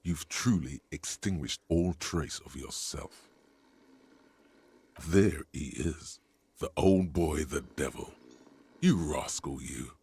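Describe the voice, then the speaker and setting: A man voicing a wry, deep-voiced narrator in a video game. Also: slow, long pauses, mellow, heavily acted. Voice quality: very deep, gravelly and husky.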